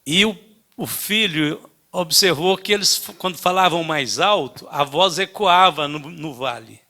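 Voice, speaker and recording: An older man preaching a sermon, telling a story in an emphatic way with many halting restarts. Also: fairly high pitch, bright, forceful tone. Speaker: pastor.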